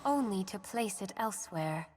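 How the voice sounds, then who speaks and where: A woman voicing a serene lamb spirit of death in a video game, soft and breathy, calm and poetic in delivery. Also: medium pitch, moderate pace, a little hiss or hum, lightly acted. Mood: serene, fatalistic. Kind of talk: video game character voice acting. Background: music.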